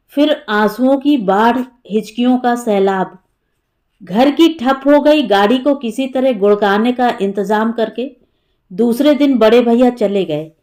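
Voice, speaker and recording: A woman narrating an audiobook story in a measured, expressive way. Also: fairly high pitch. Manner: slow and measured.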